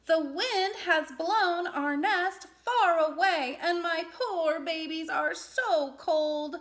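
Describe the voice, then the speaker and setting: A woman voicing a squeaky mother field mouse in a children's storybook. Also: takes it slowly, fairly bright tone, exaggerated voice. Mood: distressed.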